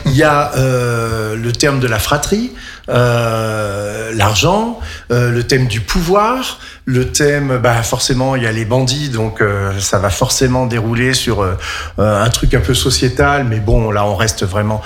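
A man, a singer, giving a radio interview about his musical, lively and emphatic. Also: medium pitch, unhurried.

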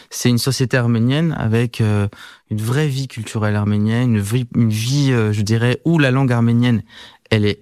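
A man's voice: mid-range voice, a little mellow, smooth, no room sound, studio quality. A man in his thirties, born in France, speaking as a researcher guest in a podcast interview, hesitant with many fillers and restarts.

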